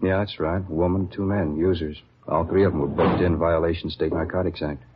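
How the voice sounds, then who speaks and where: A man plays a plain-spoken, guarded beat patrol officer in a 1950s radio drama, delivering conversational dialogue in matter-of-fact police slang. His deep, steady voice is brisk and close to everyday speech. The lo-fi old radio recording sounds dull, with a little hiss or hum.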